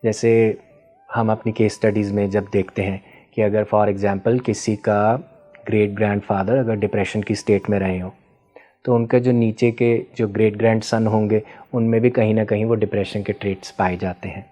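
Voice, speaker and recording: The interview guest is a man who is an expert on ancestral healing, speaking in Hindi mixed with English terms. His voice is fairly low with little pitch movement, warm in tone, and moderately paced. He explains ideas patiently, like a teacher, frequently checking in with the listener through questions.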